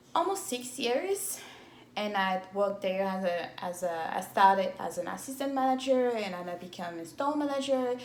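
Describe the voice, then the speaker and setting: In an echoey room, a woman in her thirties from Cameroon films a casual phone vlog, speaking English with care and at a slow pace. French is her first language, and her mid-range voice has a strong Cameroonian French accent. She is an event planner and entrepreneur, and faint background noise is audible.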